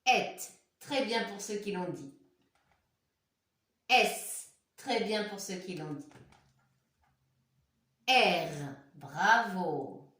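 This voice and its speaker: Slow, patient woman teaching phonics. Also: mid-range voice, animated, a bit bright, reverberant. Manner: slow, spells out letters and sounds, praises pupils. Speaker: primary school teacher. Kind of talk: phonics lesson for young children.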